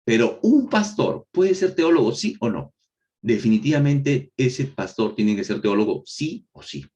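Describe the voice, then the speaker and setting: Male Bible course teacher with a swinging, animated pitch. He quizzes the class with questions he answers himself and repeats points for emphasis. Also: unhurried, highs cut off. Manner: asks rhetorical questions and answers them himself; repeats key phrases for emphasis. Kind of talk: recorded Bible lesson.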